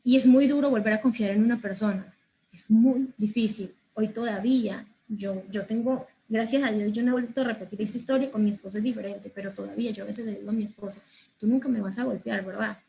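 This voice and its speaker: A young Colombian woman speaking to students, earnest, slow and emphatic, often repeating phrases for weight. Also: mid-range voice, steady tone, dark tone, slight background noise. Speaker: guest speaker to school students. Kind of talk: personal testimony talk.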